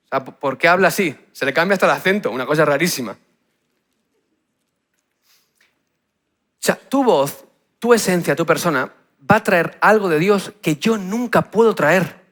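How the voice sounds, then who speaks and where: A man with a Spain Spanish accent delivers an energetic youth talk. His voice sits a little high, and his phrasing is punchy and direct. He keeps checking in with his listeners. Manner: punchy, asks the crowd "¿sí?" over and over. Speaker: youth speaker.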